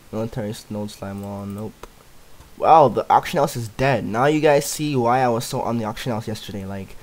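A man's voice: medium pitch, darkish tone, rough recording. A young man giving casual gameplay commentary for his channel, rambling with "like" everywhere and chuckling often. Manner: filler-heavy rambling, "like" everywhere. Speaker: gaming YouTuber.

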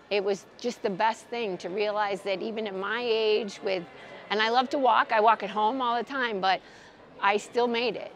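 A woman in her sixties from Massachusetts, answering a street interview in a big stone square and speaking earnestly and with feeling. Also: mid-range voice. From Massachusetts, United States. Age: 60s. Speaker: pilgrim interviewee. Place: large stone city square outdoors.

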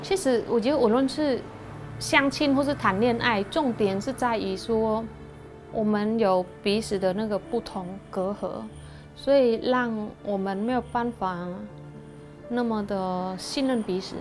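A woman in her thirties from Cambodia, a university student, speaking softly and reflectively in a documentary interview. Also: a little high. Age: 30s. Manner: soft, reflective, halting. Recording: clean documentary audio with music underneath. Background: soft background music.

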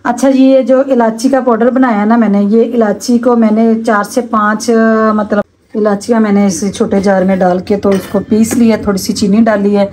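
Homely middle-aged woman vlogger, mellow voice, kitchen narration, faint room hum. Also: mid-range voice, flat delivery, moderate pace, rough recording. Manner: chatty, homely, addresses viewers as family. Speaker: cooking vlogger. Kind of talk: casual cooking vlog narration. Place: home kitchen.

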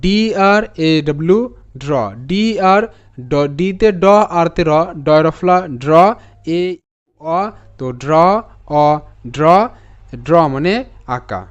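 A man teaches English phonics, spelling each word out letter by letter and repeating the sounds slowly. His voice is smooth and resonant and sits a little high. The recording sounds somewhat dull and lo-fi. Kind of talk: phonics lesson.

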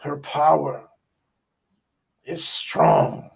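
A man's voice: a little high, wildly swooping pitch, extremely slow, gravelly, heavily acted. Man doing a hissing, strained lord. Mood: urgent. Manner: hissed, urgent half-whisper.

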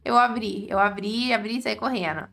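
A woman's voice: mid-range voice, steady tone, moderate pace, creaky, fairly bright tone. A woman with a Brazilian Portuguese accent giving chatty, exclaiming gameplay commentary to her viewers as the host of a gaming channel.

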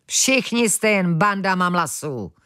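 A woman voicing a pompous, villainous male professor who is touchy about his title, shrill and contemptuous, for a children's audiobook. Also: expressive, a bit bright, no echo, clean studio sound. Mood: gloating scornful. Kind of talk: audiobook character voice.

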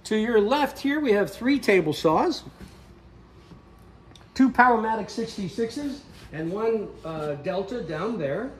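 Leading a relaxed tour of his woodworking school's big indoor shop, the older owner talks in an animated, high-pitched voice, taking his time and slipping in little jokes as he explains things. The interviewer holds the camera, and there's a slight hum of background noise.

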